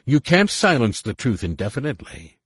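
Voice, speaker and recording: A man's voice: medium pitch, big pitch swings, a little fast, fairly bright tone, breathy edge, no echo, studio quality, voice pushed up. A man voicing a sneering male rebel whose speech is distorted to hide who he is, mocking and derisive in every line.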